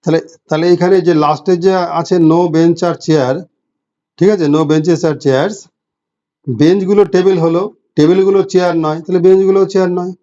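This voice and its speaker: Bengali-accented male tutor, mellow, slightly high voice, lo-fi audio, patient step-by-step explainer. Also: steady tone. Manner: explains step by step, reads questions slowly in English. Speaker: teacher. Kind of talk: online exam-prep class. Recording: dull lo-fi audio.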